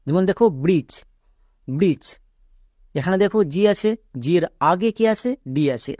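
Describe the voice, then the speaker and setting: A man's voice: a little high, darkish tone, no room sound, studio quality. A man teaching English pronunciation, spelling words letter by letter and answering his own questions. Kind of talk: spelling-out phonics lesson.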